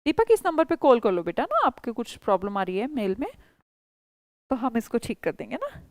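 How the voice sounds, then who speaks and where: A woman teaching a spoken English class online, coaxing her learners to answer faster. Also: on the high side, sing-song, no room sound.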